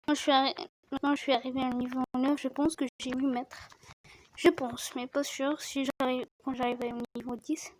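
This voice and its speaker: A woman giving casual commentary over her own gameplay, excitable, yelling at the game and restarting her sentences often. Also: high voice, normal speed, slight background noise, rough recording. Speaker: gamer narrating her play. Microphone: phone screen recorder mic.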